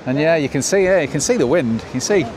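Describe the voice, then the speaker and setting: Outdoor noise sits clearly behind a middle-aged northern English man with a fairly high-pitched voice. He chats casually as he rides, upbeat and full of exclamations, like a travel show host out on a bike. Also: expressive, quick pace. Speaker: cycling vlogger. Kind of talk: casual ride-along commentary to camera. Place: outdoors on a bicycle. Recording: noisy outdoor recording, wind and traffic.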